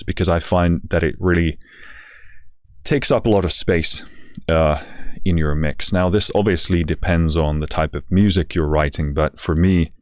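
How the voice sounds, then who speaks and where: A very tired man giving a casual music software walkthrough, speaking haltingly with slightly slurred words. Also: rumbling low, dry recording, studio quality.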